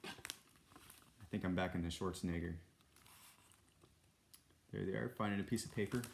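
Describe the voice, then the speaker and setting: A man's voice: sits low, a little slow, vocal fry, roomy sound, slight background noise. A man reading a children's storybook aloud, with casual, self-deprecating asides. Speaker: storybook reader.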